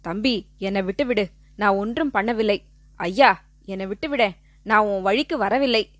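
A woman's voice: fairly high pitch, normal speed, fairly bright tone, no room sound, lightly acted. A woman voicing a cowardly older man who begs for mercy between sobs. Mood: pleading. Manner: whimpering, begging.

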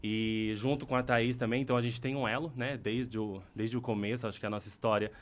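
Campy, playful Brazilian podcast host. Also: male voice, medium pitch, fairly even intonation, quick pace. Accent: Brazilian Portuguese. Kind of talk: casual podcast chat.

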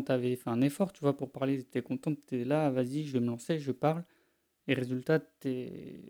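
A young man from France hosting his own language-learning podcast, chatting straight to the listener in a relaxed, informal way. His voice sits in a mellow, darker register, and his pitch stays fairly level throughout. He often restarts phrases and fills gaps with hesitations. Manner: informal, addresses listener as "tu", many restarts and fillers. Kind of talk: casual solo podcast talk.

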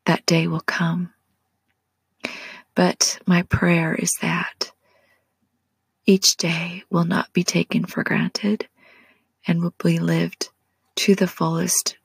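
Woman, 40s, low gravelly whisper, gentle devotional ASMR-style guide. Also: dry recording. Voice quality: breathy whisper. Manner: slow, soft and prayerful, speaks directly to the listener.

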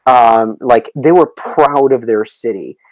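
A man who is a guest on a podcast, telling travel stories in a halting way with many restarts. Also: medium pitch, a little mellow, dry recording, low-quality recording. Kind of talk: casual podcast interview.

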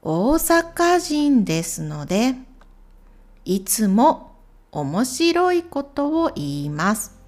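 A woman speaking slowly and clearly in simple phrases, recommending channels with gentle asides. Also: fairly high pitch, sing-song. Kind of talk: slow, clear talk for Japanese learners.

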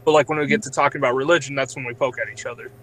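A man's voice: medium pitch, steady tone, very fast, fairly bright tone, slight background noise, poor audio. A young man co-hosting a podcast, talking casually and rambling with lots of filler words. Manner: rambling, heavy use of "like". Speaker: podcast co-host. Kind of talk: casual chat.

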